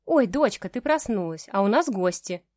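A woman voicing a fussing, affectionate middle-aged mother in a romance audiobook. She speaks warmly to her daughter. The recording is dry and close. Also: medium pitch, lively intonation, moderate pace, no echo, lightly acted.

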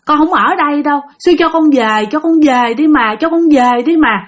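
Woman voicing a shrill drowned ghost. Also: brisk, close to an everyday voice. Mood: pleading. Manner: shrill, pleading and frantic. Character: wailing drowned ghost possessing a small girl.

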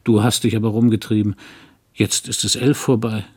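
A man with a low, husky voice playing a good-natured small-town doctor who grumbles mildly and fusses over practical things, in an audiobook reading. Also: little pitch movement, moderate pace, a little mellow. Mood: grumbling. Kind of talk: audiobook character voice.

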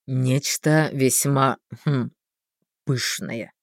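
Darvald, a woman voicing a calm male mage. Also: creaky, no room sound, studio quality, exaggerated voice. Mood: puzzled. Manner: unhurried, measured, low and soft. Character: calm, caring male mage, grown man. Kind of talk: audiobook character voice.

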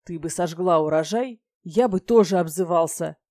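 A woman's voice: on the low side, moderate pace, dark tone, no room sound, studio quality, close to an everyday voice. A woman voicing an immortal male dragon rector who scolds and then coaxes with sly bargaining. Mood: scolding.

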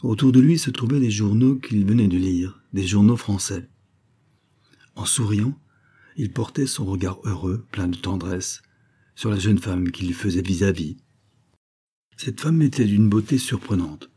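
A man reading an audiobook as narrator in a measured, softly expressive way. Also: on the low side, slightly rough.

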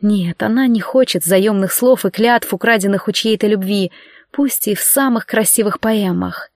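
A woman narrating an audiobook in calm, expressive storytelling. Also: medium pitch, moderate pace, no room sound, studio quality. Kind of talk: scripted narration.

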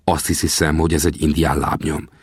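A man voicing a calm, curious young male surveyor in an audiobook, answering plainly. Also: rumbling low, breathy edge, no echo, studio quality, heavily acted.

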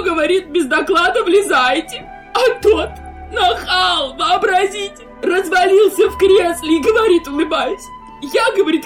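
A very high, shrill female voice in a radio play, a young secretary who weeps and babbles, half laughing through her tears. She drags her words out slowly and breathlessly. A faint bed of music sits under her. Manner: sobbing, breathless rambling between laughter and tears. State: crying.

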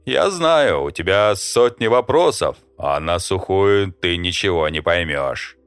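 A man's voice: deep voice, expressive, unhurried, a bit bright, clean tone, no room sound, faint music behind, heavily acted. A man voicing a brash, rude male wanderer who is a trader from another world. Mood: pushy. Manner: rude, pushy, mocking.

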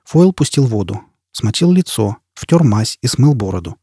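Husky, dark-voiced male narrator. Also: medium pitch, big pitch swings, normal speed, dry recording, studio quality. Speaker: audiobook narrator. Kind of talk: scripted narration.

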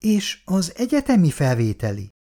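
A shy, hesitant schoolgirl speaks in a higher, lifted voice, as a man reading the story puts her on. Her pitch moves a lot. It is a read-aloud storybook voice. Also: huge pitch swings, warm tone, exaggerated voice. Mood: timid. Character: young schoolgirl, timid, hoping to study medicine.

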